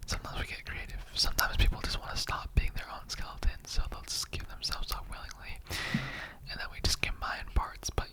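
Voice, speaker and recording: Speaking fairly quickly with a slightly bright tone, a performer whispers through an ASMR roleplay as an easygoing, mildly miffed skeleton given to slangy, rambling chatter. The recording quality is rough.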